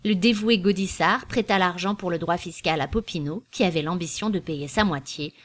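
A woman narrating a classic novel aloud in a measured, expressive reading. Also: on the low side. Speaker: audiobook reader. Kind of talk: literary audiobook narration.

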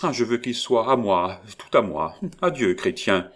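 A man's voice: fairly low pitch, expressive, a little slow, fairly bright tone, voice pushed up. A man voicing a proud, cold young woman who speaks defiantly in a raised, sharper voice in an audiobook.

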